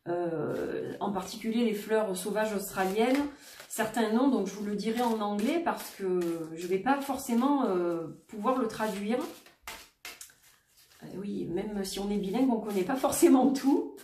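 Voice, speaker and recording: A woman doing a daily oracle card reading for her viewers, gentle and reassuring, often repeating herself. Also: medium pitch, a little slow, far from the mic, a little hiss or hum. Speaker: tarot and oracle card reader. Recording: roomy echo, voice set back from the mic.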